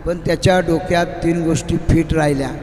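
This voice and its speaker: A man with a Marathi accent preaching a devotional sermon, telling stories and swinging between shouting and quiet questions to the audience. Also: a little high, fairly quick, slight background noise. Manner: animated, rising to shouts and dropping to quiet asides, questions to the audience. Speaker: kirtan preacher. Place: large hall at a memorial gathering. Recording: echoey hall with faint ambience.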